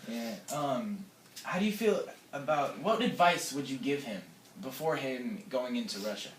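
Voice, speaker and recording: A man's voice: medium pitch, animated, a little slow. Man, mock interviewer, hesitant, lots of fillers, distant mic, roomy echo. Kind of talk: school-project mock interview. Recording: echoey room, far from mic, background noise.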